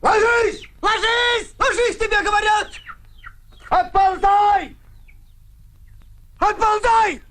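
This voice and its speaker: A man's voice: extremely high pitch, lively intonation, unhurried, long pauses, bright, forceful tone, slight background noise, exaggerated voice. An actor playing a hot-tempered village man in a comedy film, scolding and barking orders. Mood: commanding.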